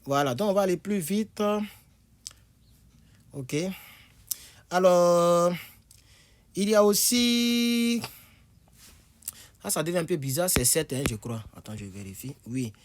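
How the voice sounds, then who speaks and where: A man's voice: high-pitched, big pitch swings, slow pace, long pauses. Tired, chatty French-speaking man teacher. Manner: chatty, repetitive, demonstrates phrases. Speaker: English teacher. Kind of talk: casual online language lesson. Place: indoors, on his bed.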